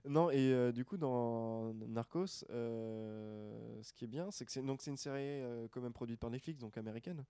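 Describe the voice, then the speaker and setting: A man with a dark, smooth voice chats casually as a podcast co-host. He talks hesitantly, with many fillers and restarts. The sound is dry and close. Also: mid-range voice, moderate pace, few pauses, dry recording. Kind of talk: casual chat. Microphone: desk microphone.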